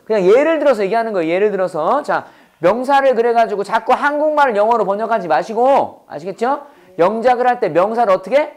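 A man's voice: high-pitched, animated, a little mellow. Man quizzing through a casual English lesson. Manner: quizzing, repeating questions and answering them himself; reads English phrases slowly and deliberately. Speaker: English teacher. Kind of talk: casual classroom lecture.

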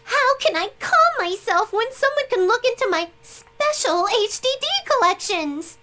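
A woman's voice: very high voice, animated, measured pace, pushed and bright, exaggerated voice. A woman voicing a bubbly, scatterbrained and cheeky young girl heroine in an anime video game, playful and dramatic. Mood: panicked. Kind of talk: English video game voice acting.

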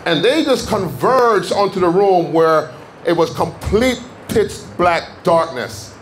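A man from Jamaica preaching in a church, giving a fervent testimony that builds to shouted declarations. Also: high-pitched, expressive, takes it slowly, a little hiss or hum. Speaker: guest preacher. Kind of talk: sermon testimony. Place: church sanctuary.

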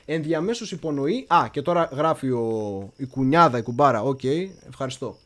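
Running a laid-back history channel livestream, this male host has a mid-range, fairly bright voice. He chats, wanders off on tangents, and frequently stops to search for the right word.

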